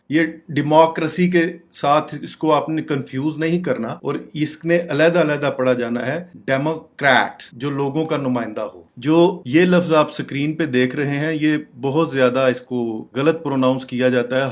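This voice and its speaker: Man, pronunciation lesson, repeats words slowly. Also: medium pitch. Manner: slow, repeats each word several times. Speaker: English pronunciation teacher.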